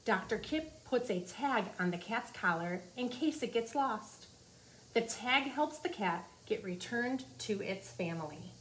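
A woman in her forties reads at a measured pace in a fairly high, animated voice. She's explaining a children's nonfiction book simply, teacher-style, to young listeners in a small office. Clear room noise can be heard in the recording.

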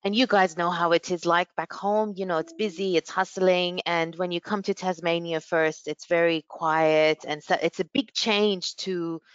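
A woman's voice: fairly low pitch, fairly even intonation, normal speed, hardly any pauses, clear, resonant tone, dry recording, lo-fi sound. A woman hosting a university video call session, chatty with many fillers. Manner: friendly, lots of fillers like you know. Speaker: university staff host of student session.

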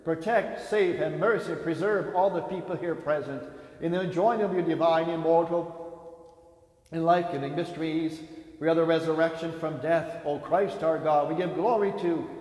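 A priest reciting liturgical prayers in a solemn, measured intoning manner, his voice carried through a pulpit microphone in a large church. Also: a little high, a little mellow. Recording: echoey church hall, long reverb.

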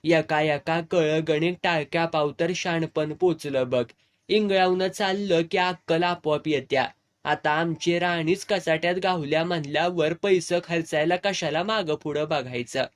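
A man's voice: fairly high pitch, a little slow, close to an everyday voice. A man voicing a practical, firm village man who served as a soldier, in a storybook reading. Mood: teasing.

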